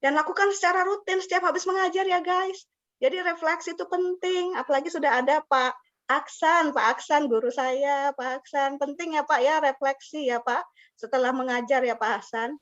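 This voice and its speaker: High-pitched and fairly bright, a woman speaks at a normal speed while presenting a teacher-training webinar online. Her delivery is chatty and laughter-filled, with English words slipped in. The audio is dull, lo-fi video-call sound.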